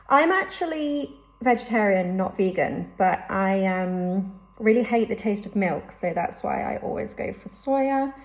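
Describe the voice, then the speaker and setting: Female vlogger, relaxed-paced casual chat, slightly high voice, faint room noise. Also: low-quality recording. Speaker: running vlogger. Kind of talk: casual vlog talk to camera. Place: indoors at home in a kitchen.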